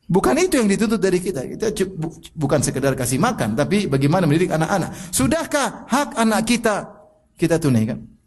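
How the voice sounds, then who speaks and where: A middle-aged man preaching a sermon, pressing the listener with repeated rhetorical questions and telling personal stories with a soft laugh. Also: sits high, very animated, fast, slight background noise. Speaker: Islamic preacher.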